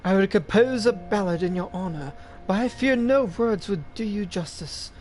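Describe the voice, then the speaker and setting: A man voicing a flirtatious male bard who speaks in a soft, flowery, courtly way. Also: high voice, moderate pace, slight background noise, natural voice. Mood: flattering. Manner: courtly, flattering.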